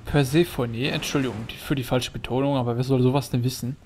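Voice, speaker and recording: Joking German let's play host. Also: male voice, mid-range voice, flat delivery, fast talker, a little mellow, a little hiss or hum. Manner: joking, chatty, hums along. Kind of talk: casual gameplay commentary.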